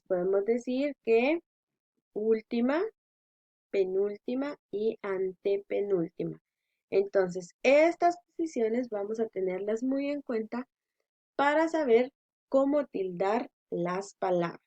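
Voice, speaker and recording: A woman's voice: on the high side, warm tone. A woman teaching a class, explaining patiently and stretching out syllables to stress them. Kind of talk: slow explanatory lesson for children. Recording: dull lo-fi sound.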